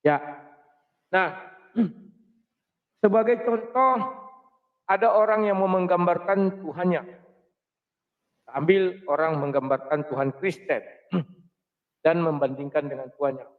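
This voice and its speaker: A man hosting his own channel, talking casually to his listeners as friends and clearing his throat often. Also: high voice, slow, long pauses. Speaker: channel host. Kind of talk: casual spoken monologue. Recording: tinny phone-like sound.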